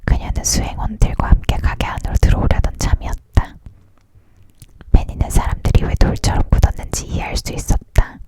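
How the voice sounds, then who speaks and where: A person reading a story aloud in a close, leaning-in ASMR whisper, narrating and voicing dialogue entirely without full voice. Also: brisk.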